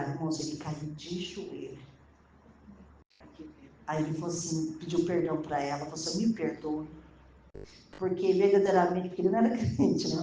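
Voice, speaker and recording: A woman's voice: medium pitch, echoey room, a little hiss or hum. A woman with a Brazilian Portuguese accent preaching a sermon, telling a story to the congregation and acting out its dialogue. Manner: addresses listeners as "irmãos", acts out dialogue in the story.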